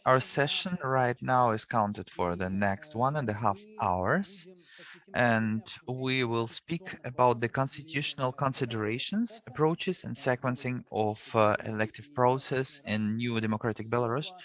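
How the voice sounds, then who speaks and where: A man working as a live simultaneous interpreter at an online seminar, rendering the speakers into English over a video call. He talks haltingly, with restarts and self-corrections as he keeps up. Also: mid-range voice, expressive, a bit bright.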